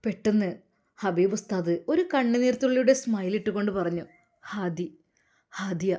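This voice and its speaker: A woman storyteller narrates with emotive drama, lifting her voice at tense turns. Her telling is steady and personal, like a vlog story. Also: medium pitch, fairly quick.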